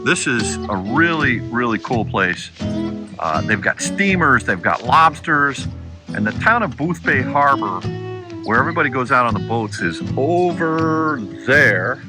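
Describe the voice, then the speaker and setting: A man's voice: medium pitch, very animated, slow pace, over music. A middle-aged man hosting a travel vlog, chatting in an enthusiastic, rambling tour-guide way, filmed outdoors and at a seaside eatery on a handheld camera. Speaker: vlog host. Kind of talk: casual travel vlog narration.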